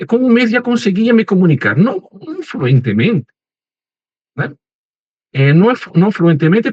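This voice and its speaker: This guest professor, a Lima man in his forties with a Peruvian accent and Portuguese-tinged phrasing, speaks in a high, slightly mellow voice. His webinar presentation is relaxed and conversational, full of "¿no?" and "¿eh?", with a dry recording and slightly muffled call audio.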